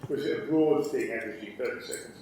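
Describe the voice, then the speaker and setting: Male audience member, deliberate questions, far off, noisy echoey hall. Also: medium pitch, dark tone.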